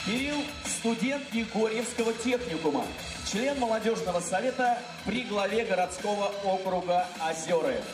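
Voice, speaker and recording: A male show host with a high voice presents like a ringmaster, projecting ceremonially to a hall. The sound is distant and echoey, with music playing behind him. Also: lively intonation, moderate pace. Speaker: contest host. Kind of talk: ringmaster-style stage announcing of contestants. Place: large theatre stage, indoors.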